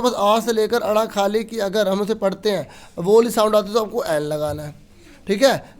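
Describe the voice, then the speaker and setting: A male teacher explaining grammar to pupils, asking questions and answering them himself. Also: high voice. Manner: explains patiently, asks and answers his own questions. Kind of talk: online grammar lesson.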